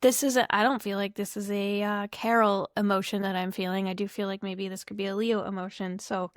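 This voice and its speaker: A woman's voice: medium pitch, flat delivery, brisk, no room sound, studio quality. A woman reading tarot cards to camera in a loose, rambling, apologetic way, full of asides. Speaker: tarot reader.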